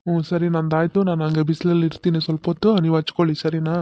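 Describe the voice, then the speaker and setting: A man voicing an old village grandfather in a cartoon, who talks in a relaxed way and waves off help. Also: fairly high pitch, very fast, muffled recording, lightly acted. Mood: easygoing. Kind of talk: cartoon voice acting.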